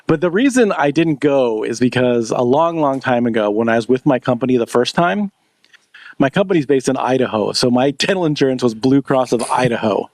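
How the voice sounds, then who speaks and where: American-raised male podcast host, medium pitch, dry room. Casual storyteller, teasing, sweary, conversational. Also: expressive, brisk, darkish tone, dry recording. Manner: joking, teasing, profane.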